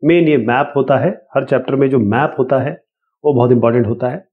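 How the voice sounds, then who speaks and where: Man teaching a casual lesson, tinny sound. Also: mid-range voice. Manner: casual, explanatory, reads questions slowly. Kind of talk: explaining an exam lesson.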